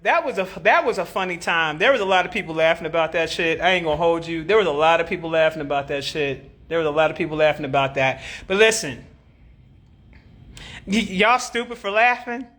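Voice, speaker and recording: A brash woman chatting live with her viewers as a spiritual teacher, swearing and clowning. Her voice is bright and sharp, with a tense edge. She tends to repeat a line several times before moving on. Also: fairly low pitch, fairly quick. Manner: profane, joking and animated, repeats phrases, laughs often. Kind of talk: casual livestream talk answering comments.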